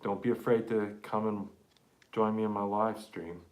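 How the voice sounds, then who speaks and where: Busy with his hands on an accordion repair, a man talks to his live-stream viewers in a relaxed, halting way. His pitch is fairly low and his intonation fairly even.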